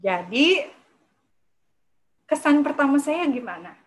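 A woman giving a lively public speaking workshop to a live audience, talking in a chatty way and acting out timid speakers. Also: high-pitched, slow, rough recording. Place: lecture room with a live audience.

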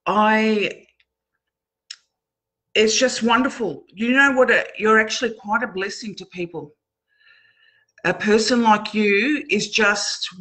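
A woman's voice: mid-range voice, fairly bright tone. A woman giving a casual psychic card reading, hesitant with many ums and full of effusive praise.

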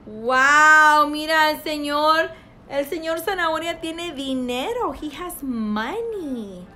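A woman giving a bilingual speech lesson to a small child, talking in slow, exaggerated, sing-song teacher talk with a dry throat. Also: high voice, lively intonation, a bit bright. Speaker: speech therapist.

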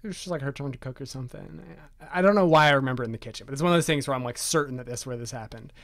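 A man's voice: medium pitch, rapid-fire, a bit bright, dry recording, studio quality. A man in his twenties from Maryland, a podcast guest, telling personal stories in a chatty way full of "like" fillers and self-deprecating jokes. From Maryland, USA. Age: 20s. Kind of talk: casual conversational storytelling.

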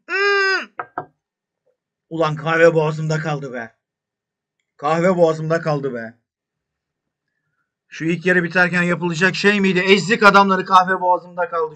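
A man hosting a football management game, muttering to himself and then shouting cheers at his players, some in English. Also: a little high. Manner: talks to himself, swinging from mutters to yells. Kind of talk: excitable gameplay commentary.

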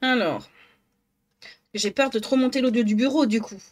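At a normal speed and in a slightly high voice, a woman streams live on Twitch from her home office. Originally from northern France, she chats loosely with viewers, says hello to them by name and jokes about herself.

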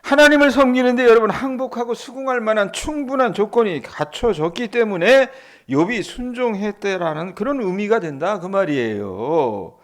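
Animated male pastor preaching at dawn. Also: high voice, normal speed, few pauses. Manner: animated, asks the congregation rhetorical questions; acts out the Bible dialogue in quoted voices. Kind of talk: early-morning sermon.

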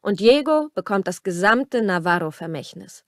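A woman's voice: medium pitch, lively intonation, normal speed, no room sound, studio quality, close to an everyday voice. A woman reading a romance audiobook aloud and voicing a brooding, harsh young rancher, her delivery tense and clipped. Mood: cold.

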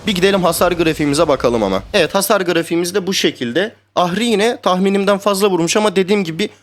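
A young man streaming a video game, talking to his teammates in casual live commentary that swings between calm planning and excited shouting and swearing. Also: high voice, quick pace. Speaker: gamer streamer.

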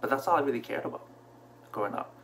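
A man in his thirties who grew up in Canada, telling a personal story to camera from a small room at home, relaxed and reflective, with many fillers. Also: mid-range voice, fast talker, slight background noise. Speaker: vlogger. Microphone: camera in front at desk distance.

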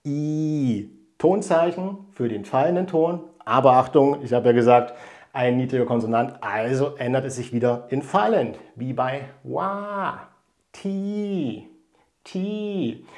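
A man in middle age leads an online language lesson at a very slow, careful pace. He breaks each word and tone down step by step. His voice sits at an ordinary middle pitch. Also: mellow. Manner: slow, careful, spells out words and tones step by step. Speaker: language teacher.

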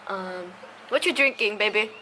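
Filming herself for a family vlog, a young woman talks to the camera at normal speed in a mid-range voice with a sharp tone, rambling and dropping fillers as she goes. The setting shifts from a home kitchen to an outdoor patio. Audio from the arm's-length handheld camera is noisy.

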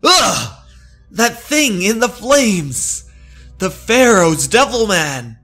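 A man's voice: high voice, big pitch swings, very slow, over music, pitched above the performer's own voice, exaggerated voice. A man playing a terrified, jumpy male victim in a horror comic, frantic and fearful. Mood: fearful, panicked.

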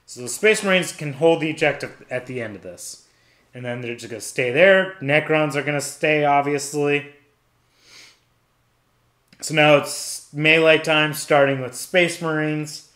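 The room is echoey, and the man's voice is fairly high and a bit bright, with a measured pace. He offers a casual play-by-play of a solo tabletop wargame, announcing every dice roll step by step as he thinks aloud.

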